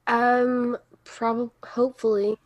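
A woman's voice: fairly high pitch, level tone, slow pace, dull audio. A woman in her twenties co-hosting a casual podcast Q&A, thoughtful and a bit hesitant, with plenty of ums and likes. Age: 20s. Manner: thoughtful, hesitant, lots of fillers like "um" and "like". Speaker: podcast co-host. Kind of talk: casual Q&A chat.

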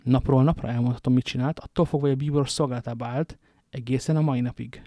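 A guy reading a cold grim nobleman from a storybook, low and measured, dry sound. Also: steady tone, warm tone, dry recording, lightly acted. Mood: accusing.

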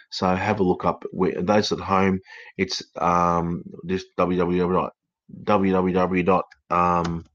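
Hosting a casual live-stream podcast from home, this middle-aged male counsellor rambles along with plenty of fillers and restarts. Born in the United Kingdom but raised in Australia, he has an Australian accent with a few English traces. His voice sits low with a fairly bright tone, though the recording is muffled.

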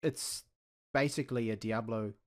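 A man's voice: mid-range voice, fairly even intonation, normal speed. A man co-hosting a casual gaming podcast, talking in a chatty way with frequent ums and restarts. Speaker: podcast co-host.

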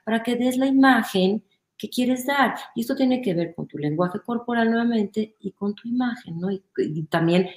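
A woman with a Mexican accent talks in a lively, explanatory way as an interview guest, often checking in with "¿no?". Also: a little high, moderate pace. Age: adult, a mother. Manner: animated, explanatory, often asks "¿no?". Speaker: guest, image consultant. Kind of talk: conversational interview. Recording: roomy echo.

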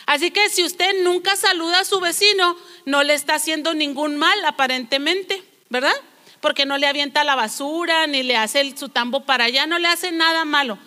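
Brief: woman preacher, high bright voice, earnest sermon, long church reverb. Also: moderate pace. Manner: earnest, storytelling, rhetorical questions.

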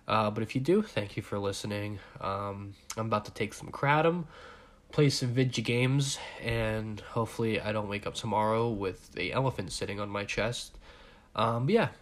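A man in his twenties with covid, a little out of breath, ranting in a rambling, profane solo podcast and repeating his words. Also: fairly low pitch. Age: 20s. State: sick with covid, short of breath. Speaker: podcast host.

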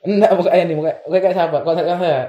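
A man's voice: high-pitched, fairly even intonation, very fast, lo-fi sound. A man chatting casually as a podcast co-host, swearing a lot and laughing. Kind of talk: casual chat. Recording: echoey room.

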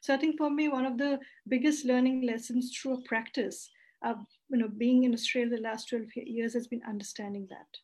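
A woman panelist gives a thoughtful, earnest answer in a fairly high voice. She speaks at length, with occasional fillers. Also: steady tone, a little fast, darkish tone. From India. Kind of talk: panel discussion.

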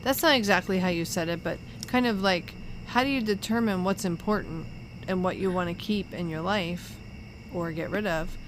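A woman podcast host speaks in a fairly low voice, talking in a casual, conversational way. She is recorded outdoors in a backyard, with crickets and insects audible around her. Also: normal speed, few pauses, noisy background.

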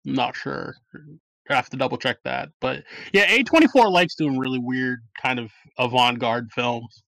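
A man hosting a podcast chat about a film, wandering through his thoughts with plenty of ums and likes. His voice is bright and forward, and the recording is close and dry with no room sound. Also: medium pitch, normal speed, creaky, dry recording, rough recording. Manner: rambling, many fillers and restarts. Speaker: podcast host. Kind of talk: casual movie review chat.

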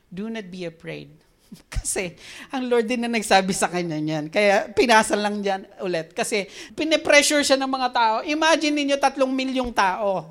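A woman preaching a sermon, swinging between soft scripture reading and emphatic exhortation. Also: medium pitch.

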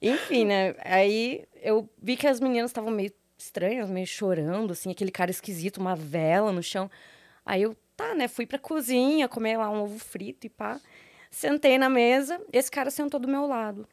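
A woman's voice: on the high side, moderate pace, darkish tone, dry recording. A woman with a Brazilian Portuguese accent, a guest in a casual interview, telling stories in a chatty way with many fillers and frequent laughs.

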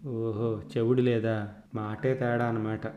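A man's voice: on the low side, little pitch movement, unhurried, reverberant, dull audio, close to an everyday voice. A man doing a blunt, scornful man. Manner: loud and blunt. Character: blunt, scornful man, the patient's brother-in-law.

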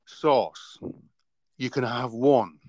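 A man's voice: medium pitch, extremely slow, a little mellow, dry recording. A man hosting a casual radio chat show, playful and laughing, running a quiz segment. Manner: playful, laughing, mimics customers. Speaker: host.

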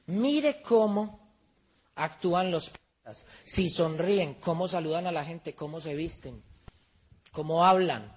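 A man giving a motivational seminar talk, firing rhetorical questions at his audience. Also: sits high. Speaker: seminar speaker.

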